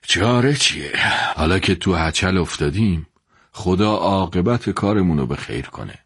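Brief: man playing a glum old shopkeeper father, low, husky, full of doubt. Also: expressive, dry recording, studio quality. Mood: gloomy, doubtful. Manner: gloomy, doubtful. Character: worried older male shopkeeper father.

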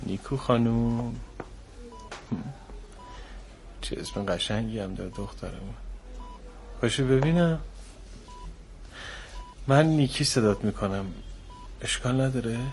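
An actor playing a young male nurse in a hospital drama, gentle with a child and then pleading. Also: medium pitch, pauses often, slight background noise, natural voice, rough recording. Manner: pleading, breaking into sobs. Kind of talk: TV drama acting. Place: hospital emergency ward set.

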